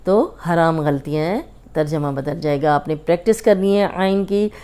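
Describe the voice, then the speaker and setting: Lady teaching recitation, very smooth, lowish voice, drags out each sound patiently. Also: normal speed, dark tone. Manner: patient, drills sounds by drawing them out. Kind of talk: recitation lesson with drills.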